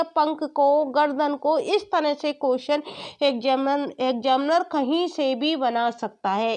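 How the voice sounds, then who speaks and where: High-voiced woman teaching exam poetry. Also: a little mellow. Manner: asks and answers her own questions; recites verses slowly. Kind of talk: exam-prep poetry lecture.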